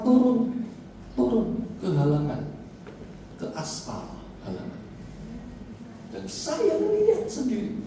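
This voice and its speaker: Impassioned preacher in an echoey church. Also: male voice, a little hiss or hum. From Indonesia. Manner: passionate preaching, big swings in pitch and loudness, drawn-out emphatic phrases. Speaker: pastor. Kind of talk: sermon. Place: large church hall. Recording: echoey church hall, mic at a distance.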